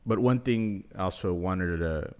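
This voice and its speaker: A man hosting a casual podcast conversation, talking in a relaxed, rambling way with plenty of fillers. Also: sits low, a little slow, clean tone. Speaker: podcast host.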